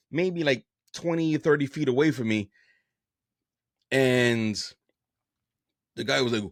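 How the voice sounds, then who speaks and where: A middle-aged man tells a story on his podcast, tripping over his words and swearing freely. His pitch is lively and swings widely as he goes. The sound is dry and close, with no room echo. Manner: rambling, profane, frequent restarts and stammers. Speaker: comedian podcast host. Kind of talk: casual storytelling monologue.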